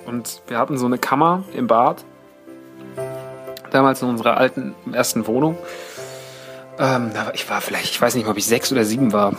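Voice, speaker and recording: Rambling, self-mocking young man. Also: mid-range voice. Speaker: podcast host. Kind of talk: casual storytelling.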